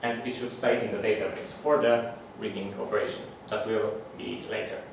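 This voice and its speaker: A man's voice: lowish voice, little pitch movement, fairly quick, creaky. A man in his thirties from Poland with a Polish accent gives a technical conference talk. His delivery is plain and hesitant, with frequent fillers and restarts. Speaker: conference speaker. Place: large echoey conference room. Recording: echoey hall, distant, audible background noise.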